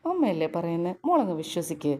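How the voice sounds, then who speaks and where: A woman's voice: fairly low pitch, sing-song, a little fast, dark tone. A woman voicing a kind, doting mother-in-law who soothes and reassures. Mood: soothing. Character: kindly doting middle-aged mother-in-law.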